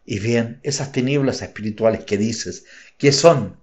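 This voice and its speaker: A man's voice: mid-range voice, a little slow, lightly acted. A man reading a bitter, sarcastic father. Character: stern troubled father, middle-aged man.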